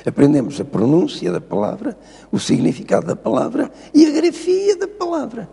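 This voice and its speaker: A man's voice: sits high, huge pitch swings, normal speed, vocal fry, mellow, breathy edge, long reverb tail. An older man with a European Portuguese accent, a professor explaining spelling rules in a TV interview, lecturing and insistent. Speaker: linguistics professor, guest. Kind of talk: TV studio interview.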